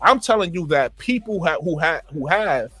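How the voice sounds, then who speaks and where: A man's voice: fairly high pitch, expressive, moderate pace, pushed and bright, no room sound. A man from Brooklyn with a New York accent, talking emphatically in a casual group discussion, repeating phrases and calling people bro.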